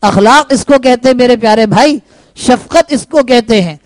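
Preacher, male, unusually high voice, dry close sound, storytelling sermon with rhetorical questions. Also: no room sound, poor audio.

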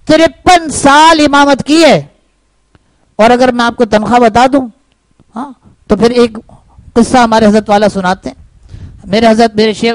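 High-voiced man preaching a sermon. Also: dry recording, poor audio. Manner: animated storytelling with rhetorical questions.

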